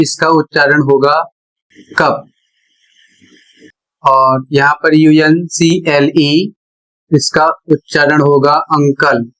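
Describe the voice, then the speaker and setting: A man's voice: fairly high pitch, a bit bright, rough recording. A man teaching English pronunciation, explaining patiently and spelling words out letter by letter. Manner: slow, deliberate, repeats phrases while explaining.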